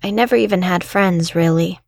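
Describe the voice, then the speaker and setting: A woman narrating horror stories in a measured, scripted storytelling delivery. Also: on the low side, creaky, no room sound, studio quality.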